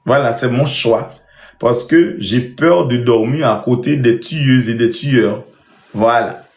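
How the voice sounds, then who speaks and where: A man hosts a casual live stream, talking emphatically and circling back to the same point. His voice sits at an ordinary middle pitch. The room around him rings with a noticeable echo. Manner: emphatic, repeats himself. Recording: roomy echo.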